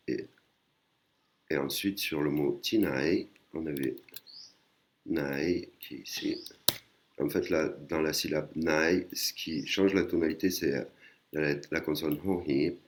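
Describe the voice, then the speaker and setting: A man teaching a language lesson in a casual way, with many pauses and fillers, explaining patiently and often adding a tag word at the end of his sentences. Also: extremely low pitch, background noise. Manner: hesitant, many fillers and restarts. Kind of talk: casual screen-recorded lesson.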